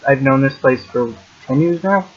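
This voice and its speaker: A man's voice: medium pitch, normal speed, husky. A young American man co-hosting a podcast, chatting casually in a blunt, contrarian way. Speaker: podcast co-host. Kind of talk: casual group chat. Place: outdoors in a park. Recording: dull lo-fi amateur recording.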